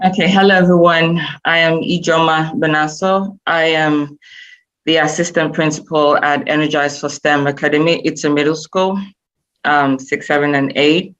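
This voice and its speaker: A woman's voice: low voice, steady tone, normal speed, a bit bright. A woman from Nigeria, an assistant principal, introducing herself in a friendly way in a video clip. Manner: friendly, laughs lightly while telling her path. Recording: dull clip audio.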